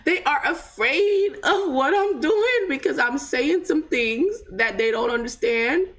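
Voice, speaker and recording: The host, a woman from Jamaica, has a high, slightly bright voice that is animated and a little slow. In a light Jamaican accent she rambles chattily through her personal story for viewers, often checking in with "right?".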